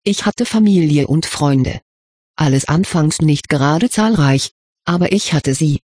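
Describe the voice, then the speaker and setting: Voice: mid-range voice, measured pace, a little mellow, slightly rough, no echo, studio quality. A reader voicing a troubled, self-doubting teenage schoolboy, in a storybook reading. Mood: brooding. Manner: subdued, musing.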